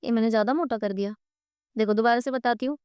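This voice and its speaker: A high-voiced woman with an Indian accent teaches an exam-prep lecture, her throat a little sore. She keeps asking her students questions and answers them herself as she draws diagrams. The sound is dry and close, with no room around it. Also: quick pace, darkish tone, smooth, no room sound. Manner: quizzing students with repeated questions; drawing on a board while explaining.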